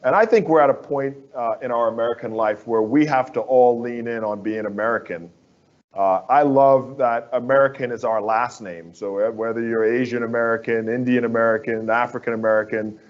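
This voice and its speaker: A man's voice: mid-range voice, a little fast, highs cut off. A man from the Bahamas, a construction firm executive, speaking as an interview guest in an earnest, persuasive way that repeats phrases for emphasis.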